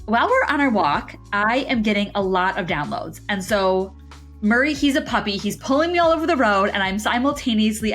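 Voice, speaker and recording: A young adult woman co-hosting a podcast, telling a story casually with energy and quick animated delivery. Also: medium pitch. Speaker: podcast co-host.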